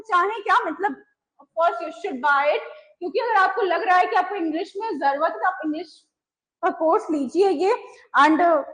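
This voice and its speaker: High-voiced woman teaching grammar. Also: fairly bright tone, low-quality recording. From India. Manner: explains patiently, mixing Hindi and English, slows down on examples. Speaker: English teacher. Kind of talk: online grammar lecture.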